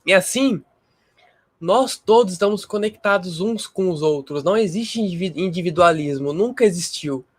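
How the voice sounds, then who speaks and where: A man's voice: sits high, animated, normal speed, no room sound. A man hosting a spiritual livestream, teaching casually and emphatically and repeating himself.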